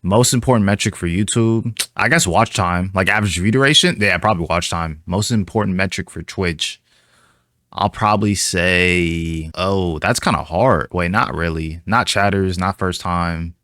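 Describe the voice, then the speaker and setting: A man with a fairly low, bright, forceful voice chats through his reaction on a stream. He thinks aloud with many fillers, recorded dry and close. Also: normal speed, dry recording. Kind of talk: casual reaction commentary.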